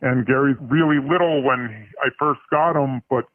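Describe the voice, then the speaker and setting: Man on a phone line, voice-changer disguised. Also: medium pitch. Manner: halting storytelling with restarts. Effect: voice changer disguising his voice. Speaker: caller. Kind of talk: casual phone-in confession.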